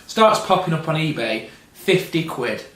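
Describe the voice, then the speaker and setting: A man's voice: a little high, lively intonation, a little slow, a bit bright. A man co-hosting a casual film discussion, laid-back and hesitant with fillers and the odd blunt swear. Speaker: co-host. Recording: roomy echo, distant mic, faint noise.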